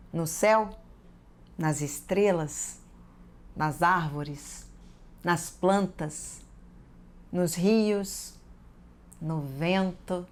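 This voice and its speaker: A woman with a Brazilian Portuguese accent teaching a TV lesson for children, carefully asking the class many questions. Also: mid-range voice.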